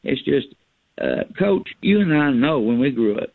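This is a man calling in to a radio sports show, his squeezed through a thin phone line. He talks in a folksy, fired-up ramble that circles back on itself. The sound is dry and close, with an average male pitch. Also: sing-song, moderate pace, vocal fry, slightly rough, no echo. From East Tennessee. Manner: folksy, worked-up and rambling, with restarts. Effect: heard over a phone line on a call-in radio show. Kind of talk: call-in radio chat.

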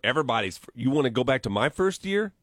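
Speaking quickly in a mid-range, very animated voice, a middle-aged radio morning show host jokes and spins stories, letting his punchlines trail off quietly. The banter is casual, captured with a studio microphone in a radio studio.

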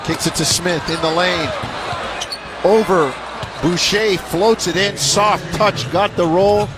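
A man with a high voice calls basketball play-by-play live, slowly and in clipped, short phrases. The arena crowd and bouncing balls make courtside noise in the background.

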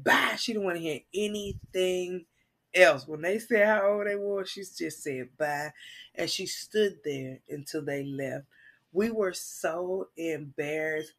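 An American woman co-hosting a podcast, chatting casually and telling personal stories in an expressive, exclamatory way with a husky voice. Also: sits low. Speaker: podcast co-host. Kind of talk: casual chat and personal storytelling.

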